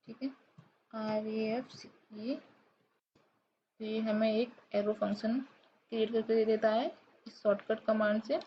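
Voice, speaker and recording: A woman teaching a programming lesson while she codes on screen, explaining step by step and checking in often with her viewers. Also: mid-range voice. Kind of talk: screen-recorded coding tutorial. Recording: dull lo-fi mic, faint hiss.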